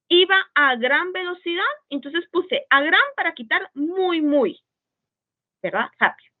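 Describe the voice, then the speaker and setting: A woman teaching an online writing class, patient and checking often that students follow. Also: high-pitched. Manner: patient, checks understanding with frequent "¿sí?". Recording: tinny phone-like call audio.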